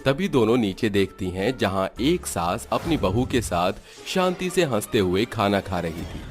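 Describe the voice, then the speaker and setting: A man giving scripted storybook narration for a cartoon in a steady storytelling manner. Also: lowish voice, a little slow. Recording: soft music behind.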